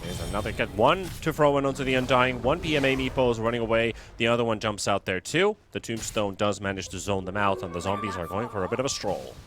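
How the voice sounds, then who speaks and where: A man's voice: fairly low pitch, fast, hardly any pauses. A man who is under the weather, giving live play-by-play commentary on a video game match. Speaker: esports commentator. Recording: noisy, game battle sounds behind.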